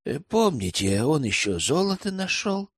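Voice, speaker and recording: A bitter, scheming village outcast, as a man reads him, sullen and full of self-pity. His lines swing up and down in pitch through a dry, close audiobook reading. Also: very animated, a little slow, fairly bright tone, slightly rough, no echo, heavily acted. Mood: sly. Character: resentful scheming male village outsider.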